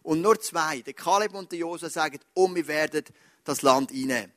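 A man preaching a sermon as pastor, emphatic, swinging between loud urging and quiet asides. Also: fairly high pitch, normal speed.

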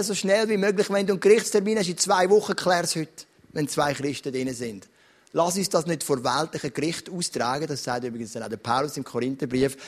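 Animated Swiss preacher man. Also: medium pitch. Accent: Swiss German. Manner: animated storytelling preacher, direct and conversational. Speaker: pastor. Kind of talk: sermon.

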